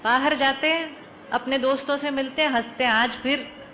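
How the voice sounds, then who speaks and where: Calm woman giving a spiritual talk. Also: sits high, moderate pace, noisy background. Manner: calm, persuasive, asks the audience questions and mixes in English phrases. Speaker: spiritual speaker. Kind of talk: spiritual talk to a live audience.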